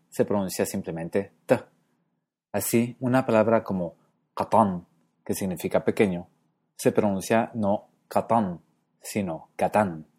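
Low-voiced guy reading a language lesson, calm and measured, slows way down on the example words. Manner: measured and explanatory, slowing to spell out example words. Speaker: language lecturer. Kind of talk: scripted educational narration.

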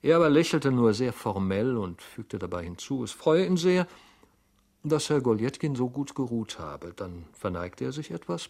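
A man with a low voice reads a classic novel aloud. His narration is measured but gains lively emphasis at key moments. He sounds like a steady radio storyteller. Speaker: reader. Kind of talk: literary narration.

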